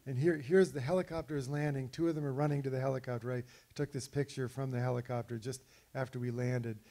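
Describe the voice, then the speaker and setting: A man giving an illustrated talk about an expedition, telling stories over his slides in a relaxed way with frequent fillers and restarts. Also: medium pitch, quick pace. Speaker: speaker presenting slides of an expedition.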